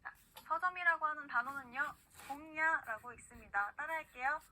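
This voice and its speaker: A woman teaching a recorded online pronunciation lesson, patiently saying words slowly for the learner to repeat. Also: high voice, pushed and bright, low-quality recording. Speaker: language teacher.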